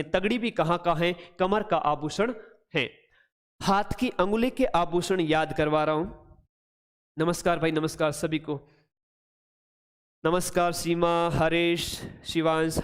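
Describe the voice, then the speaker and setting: A man's voice: sits high, big-room sound. A man teaching an online exam-prep lesson, greeting viewers by name and making up playful memory tricks.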